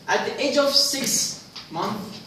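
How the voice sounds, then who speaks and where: A man's voice: very high voice, lively intonation, slow, background noise. A young man gives a prepared personal speech at a club, asking the audience questions and restarting phrases as he goes. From Pakistan. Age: 20s. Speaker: club speaker. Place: club meeting room. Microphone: distant mic. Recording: very echoey room, distant mic.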